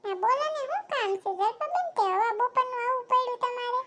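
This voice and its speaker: A woman's voice: very high voice, expressive, sharp tone, full character voice. A woman voicing a chatty, boastful village housewife in a cartoon, with a Kathiawadi Gujarati accent. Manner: chatty, boastful, quick-tongued. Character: gossipy village housewife who lends money.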